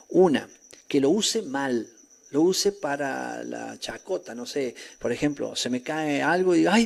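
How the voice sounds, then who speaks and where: A male pastor preaching a sermon in an emphatic way, with rhetorical questions, sometimes rising to near shouts, with crickets chirping behind him. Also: on the high side, vocal fry.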